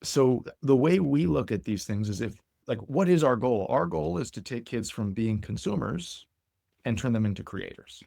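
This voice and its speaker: A man being interviewed as a company founder, telling stories in an animated way and often repeating words as he builds a point. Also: mid-range voice, moderate pace, vocal fry, no room sound, clean studio sound. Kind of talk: conversational interview.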